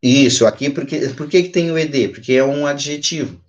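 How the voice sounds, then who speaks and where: The recording sounds muffled, and the man's pitch is fairly high as he talks fairly quickly. He's a Brazilian-accented English teacher in his forties on a video call, patiently explaining step by step with frequent checking tags while moving between Portuguese and English, his computer mic capturing him in a small home room or bookshelf-lined study.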